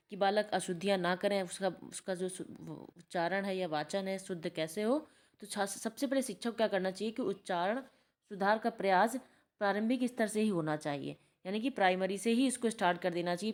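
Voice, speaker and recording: A woman tutor giving a spoken lecture from notes, who keeps posing questions and answering them herself. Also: medium pitch. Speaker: teacher-training tutor.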